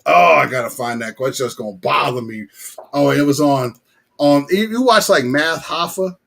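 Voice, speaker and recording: A man's voice: mid-range voice, normal speed, vocal fry, a bit bright. A man hosting a casual live smoking session, talking in slang, rambling and often repeating himself. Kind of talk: casual livestream chat.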